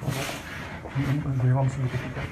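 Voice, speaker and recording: A man's voice: medium pitch, monotone, a little slow, echoey room, background noise. A man reporting on location, asking short informal questions in hidden-camera sound. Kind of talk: informal door-stepping questions. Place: hospital corridor.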